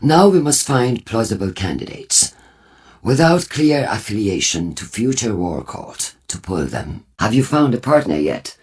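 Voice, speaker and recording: This male voice belongs to the prophetic leader of a futuristic war cult in a video game, performed as scripted character dialogue in a full character voice. It is low and husky, sing-song, and swings widely in pitch, while the delivery is formal, deliberate, portentous, grave, and measured.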